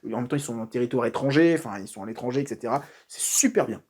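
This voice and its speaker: A man's voice: mid-range voice, racing, darkish tone, slightly rough. A man casually talking through a comic book review, informal and chatty, with frequent fillers and restarts. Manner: informal slang.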